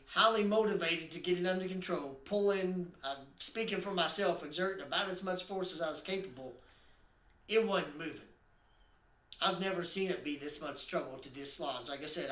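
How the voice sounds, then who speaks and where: A man's voice: on the high side, pushed and bright, echoey room. A man earnestly recounting his own accident as a personal testimony, building suspense with emphatic stresses.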